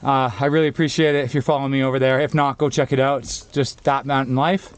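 A man's voice: mid-range voice, level tone, fast, smooth. A man in his thirties, a dad vlogging casually to an action camera held at arm's length, partly outdoors on ski slopes and partly in a car, often cheering on his kids. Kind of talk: casual vlog.

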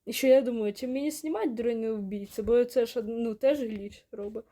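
A young woman chatting through a reaction video with quick exclamations. Her voice sits high. Now and then she drops to a hushed whisper. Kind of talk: casual reaction commentary.

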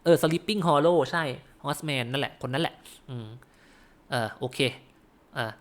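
A man's voice: on the high side, takes it slowly. A Thai man hosting a gaming channel, chatting casually about game concept art, often correcting himself and laughing at his own guesses.

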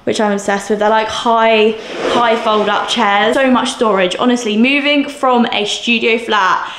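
A bubbly young vlogger gushes excitedly through a casual tour of her mostly empty new flat, her voice fairly high and a little slow. Recorded indoors on a handheld camera's mic, the audio carries echo from the empty rooms plus some background noise.

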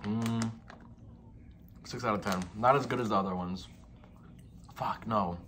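A man's voice: fairly low pitch, a little slow, a bit bright. Man talking while chewing. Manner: casual, blunt, mumbling reactions. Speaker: vlogger. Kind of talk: casual snack-tasting vlog. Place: hotel room. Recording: noisy room recording.

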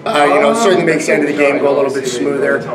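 Man in his thirties, post-game coach, halting speech, slightly high voice, loud crowd noise behind. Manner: halting, many fillers and restarts. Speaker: head coach. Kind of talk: post-game press scrum. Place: arena press area, indoors.

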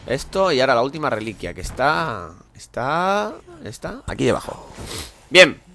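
Excitable Spanish man commentating gameplay. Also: mid-range voice, moderate pace, vocal fry, slight background noise. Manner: excitable, talks to himself while playing, sudden loud outbursts. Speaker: gameplay streamer.

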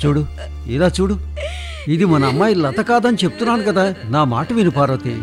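A middle-aged father fretting over his missing daughter, with a somewhat high voice that rises and falls a lot. He keeps pleading and soothing. Music runs clearly under him on a film soundtrack. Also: a little fast. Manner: pleading, soothing, lively pitch.

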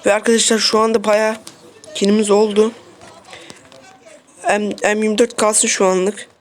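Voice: medium pitch, level tone, moderate pace. A streamer giving casual commentary on a mobile shooter game, repeating short phrases and talking straight to the viewers. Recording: faint noise and clicks.

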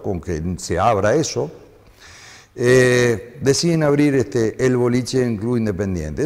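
A mellow, dark-toned Argentine man in his fifties reminisces at length, wandering through his story with plenty of fillers. His voice carries a long reverb tail in the room. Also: medium pitch. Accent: Argentine Spanish. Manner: reminiscing, rambling with frequent fillers. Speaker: interview guest, former DJ. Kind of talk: conversational interview.

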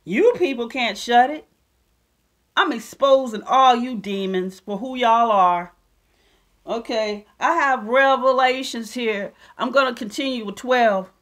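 A woman's voice: fairly high pitch, measured pace, a bit bright. A woman giving ranting, preachy commentary, mocking and combative as she calls out critics and reads scripture. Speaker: self-styled prophetess vlogger.

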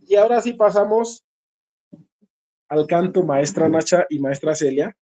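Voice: medium pitch, expressive, a little slow, warm tone. A singing teacher leading a group voice lesson, explaining patiently, repeating key points and checking in with the listeners.

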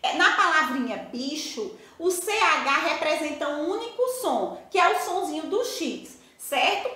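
A woman's voice: high-pitched, expressive, measured pace, bright, forceful tone. A Brazilian woman teaching a primary school class. She explains patiently, step by step, and asks the children rhetorical questions. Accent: Brazilian Portuguese. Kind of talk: recorded class lesson. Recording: echoey room.

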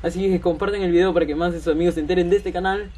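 Hosting his gaming channel, a man commentates a horror game in a high, dark-toned voice that trembles with fear, talking rapid-fire with fairly even intonation. He mutters and lets out jittery, frightened yelps, and the audio quality is poor.

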